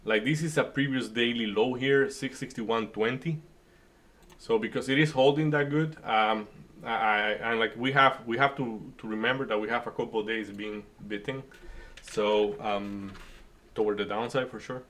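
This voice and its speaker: Hosting a live day trading stream, a native Spanish-speaking man from the Dominican Republic talks with a Dominican Spanish accent in a medium-pitched, slightly bright voice with fairly even intonation. His chat is casual and joking, and his market commentary halts and restarts.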